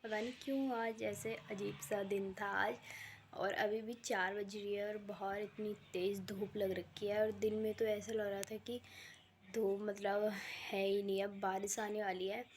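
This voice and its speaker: A woman's voice: medium pitch, level tone, a little slow, a little mellow, slight background noise. A young woman chatting casually in a rambling daily vlog, her throat a bit sore, talking into a handheld phone on a rooftop. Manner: chatty, rambling, full of fillers. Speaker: vlogger. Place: home rooftop, outdoors. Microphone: phone held in hand.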